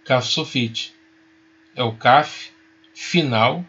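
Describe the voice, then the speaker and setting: A man teaching a Hebrew lesson, patient and reassuring, spelling out each sound slowly. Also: mid-range voice, pushed and bright, slightly rough, muffled recording. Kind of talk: recorded online lesson.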